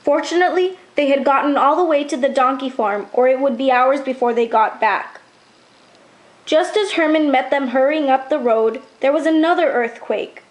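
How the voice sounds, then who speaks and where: High-voiced woman reading a story. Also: moderate pace, poor audio. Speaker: narrator. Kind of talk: storybook narration.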